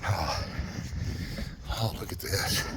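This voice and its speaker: A man's voice: slow, heavy background noise. A middle-aged man hosting an adventure vlog, giving chatty, upbeat narration while climbing a stone tower. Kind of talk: casual narrated walkthrough. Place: inside a stone tower stairwell.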